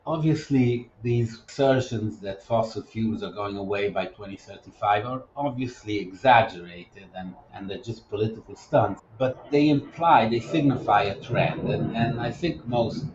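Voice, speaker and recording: A man who works as a business development advisor, answering interview questions in a measured, explanatory way and often restarting his sentences. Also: lowish voice, darkish tone, echoey room, lo-fi sound, a little hiss or hum.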